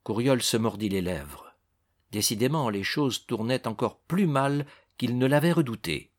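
A man narrating an audiobook in a measured literary reading. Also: mid-range voice, expressive.

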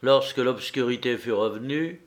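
A man reading a novel aloud in a measured, deliberate audiobook narration. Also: mid-range voice.

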